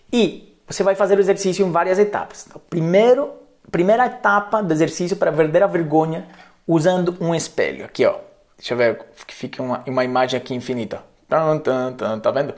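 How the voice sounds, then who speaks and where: This Colombian man in his thirties has a high-pitched, darkish voice and works as a coach giving a live-streamed English lesson. He's playful and chatty, sprinkling his talk with tag questions.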